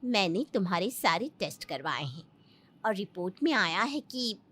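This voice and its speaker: A woman voicing a calm doctor in an animated story, speaking in a gentle, measured way. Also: medium pitch, slightly rough. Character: calm doctor giving careful news.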